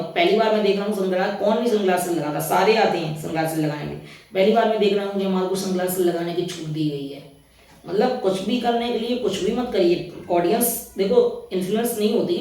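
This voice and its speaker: A man's voice: high voice, darkish tone, distant mic. A man reviewing a reality TV episode in casual talk. He rambles and retells scenes in his own words, often resetting with "anyway.". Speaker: reality show commentator. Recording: very echoey room, voice off-mic.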